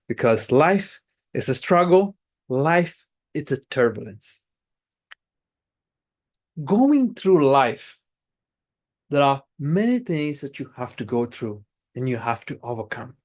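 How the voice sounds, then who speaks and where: This is a prepared motivational talk from an energetic Angolan club speaker who grew up speaking Portuguese. The voice sits in the mid range, and the delivery is forceful, with key phrases repeated and words restarted.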